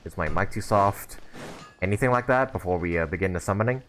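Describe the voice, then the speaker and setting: A man speaks fairly quickly in a low, fairly bright voice, with a little hiss or hum on the recording. He's hosting a casual game livestream, rambling and thinking aloud to his viewers as game music plays.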